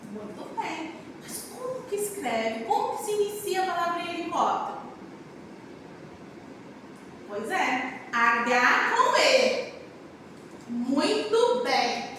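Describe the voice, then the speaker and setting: High-voiced, lively woman teacher. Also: slight background noise. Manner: animated, sing-song, speaking to young children. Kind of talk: children's lesson. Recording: very echoey room, far from the mic.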